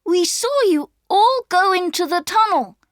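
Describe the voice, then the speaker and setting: A woman voicing a brave young boy who leads his siblings, in a high excited child voice for a storybook reading. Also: a little slow, no room sound, studio quality. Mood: earnest.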